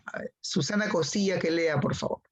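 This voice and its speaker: A man's voice: high voice, moderate pace. A man teaching a class, who repeats key phrases and calls on students by name. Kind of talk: online class lecture.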